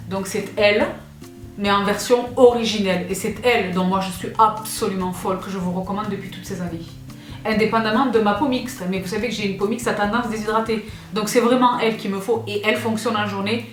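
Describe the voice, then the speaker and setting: A woman in her thirties chatting casually as she unboxes beauty products, gushing and excitable, breaking into squeals. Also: mid-range voice, brisk. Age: 30s. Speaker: beauty vlogger. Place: indoors, seated. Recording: roomy echo with faint music.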